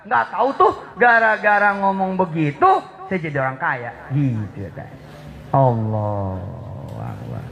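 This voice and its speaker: High-voiced man preaching a lively sermon. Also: moderate pace, hardly any pauses, muffled recording, slight background noise. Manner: playful, teasing, acts out dialogues. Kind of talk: Islamic sermon.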